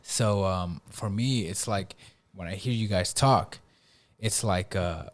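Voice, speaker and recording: A man with a fairly low voice hosts a podcast in loose, casual conversation. He talks in a relaxed way and keeps checking in with his guests. "Bro" and "right?" run all through his speech. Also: slow. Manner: laid-back, peppers speech with "bro" and "right?". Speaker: podcast host. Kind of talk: casual chat.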